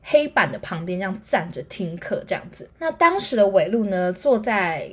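A woman's voice: mid-range voice, sing-song, normal speed, breathy edge. A nineteen-year-old woman with a Taiwanese Mandarin accent hosts a solo podcast, telling a chatty story full of fillers and acting out other people's lines. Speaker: podcast host.

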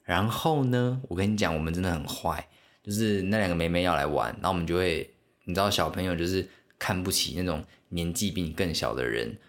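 A young man speaking Mandarin with a Taiwanese accent, his voice sitting very low. He tells stories in a loose, rambling way, restarting sentences and turning to the listener with asides, like a casual solo podcast host. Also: brisk.

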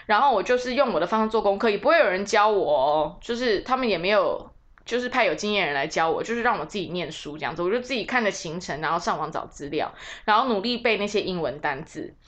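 A woman's voice: mid-range voice, expressive, quick pace, fairly bright tone. A woman, hosting a podcast and telling stories about her work as a tour leader in a chatty, self-mocking way. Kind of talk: casual storytelling podcast.

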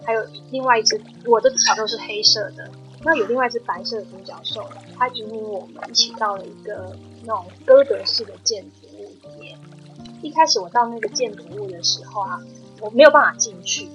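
Woman telling her story all earnest and heartfelt, bright voice, soft music behind. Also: medium pitch, a little fast, poor audio. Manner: earnest, emotional storytelling with soft-spoken quoted dialogue. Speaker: podcast guest. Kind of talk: casual interview, telling a personal story.

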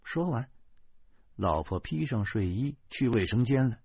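A man narrating a novel in a drawling, wry, animated way. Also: medium pitch, a little slow, slightly rough, no room sound. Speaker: audiobook narrator. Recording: dull lo-fi dry sound.

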